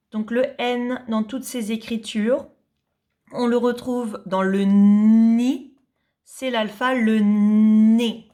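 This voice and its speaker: Slow, patient woman teaching reading. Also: on the high side, a little mellow. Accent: French. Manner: spells syllables slowly and distinctly; patient, repeats each sound. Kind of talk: slow reading lesson for young children.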